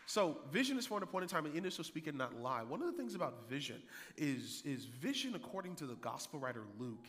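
A man preaches with energy, his bright, forceful voice climbing higher and louder whenever he drives a point home. He sits a little high for a man, and a long hall reverb trails every phrase. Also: fast talker. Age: 30s. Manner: energetic preaching, rising loud and high for emphasis, repeats key lines. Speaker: pastor. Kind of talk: sermon.

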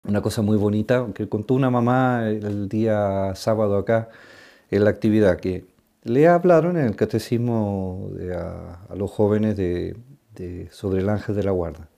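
Mellow-voiced priest chatting on a podcast. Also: male voice, lowish voice. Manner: halting, frequent restarts, animated when telling stories. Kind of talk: casual podcast conversation.

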